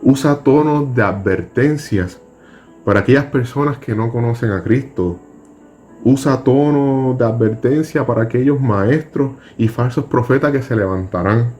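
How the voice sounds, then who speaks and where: A man teaching a Bible school class, reading scripture verses aloud and explaining them in a deliberate, measured way. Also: mid-range voice, darkish tone, soft background music. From Puerto Rico.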